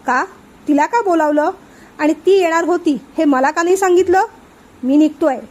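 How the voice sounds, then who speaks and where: A woman's voice: very high-pitched, moderate pace, a little mellow. A woman voicing a sulky young husband who is fed up with his wife and talks melodramatically in a storybook reading. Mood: aggrieved. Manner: melodramatic, rhyming complaints.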